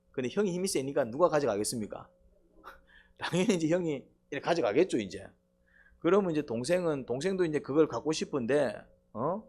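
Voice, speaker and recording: A middle-aged pastor with a medium-pitched voice preaches to his congregation, quizzing them with rhetorical questions and prompting them with "eh?".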